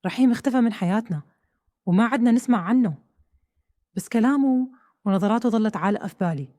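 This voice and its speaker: A woman with a Hejazi Saudi accent tells a tense first-person story at a brisk pace. Her tone is dark and mellow, and the recording is dry and close, with no room around her. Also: fairly high pitch, lively intonation, dry recording. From Saudi Arabia. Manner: tense, questioning, dramatic. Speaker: narrator.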